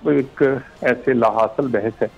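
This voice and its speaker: A man debating as a politician, rebutting firmly in measured sentences. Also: mid-range voice, steady tone, vocal fry, darkish tone. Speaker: politician guest. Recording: muffled remote line with faint music.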